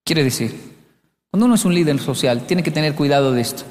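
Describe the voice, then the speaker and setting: Man, motivational speaker, high voice, acts out his stories, recorded with echo in a large hall. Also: brisk. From Latin America. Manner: animated storyteller acting out quotes. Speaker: speaker on leadership. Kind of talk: motivational talk. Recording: long hall reverb.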